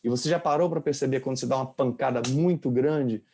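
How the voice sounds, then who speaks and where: A man's voice: mid-range voice, fast talker, mellow, a little hiss or hum. A male professor giving an informal anatomy lecture, quizzing his students with questions as he explains. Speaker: kinesiology professor.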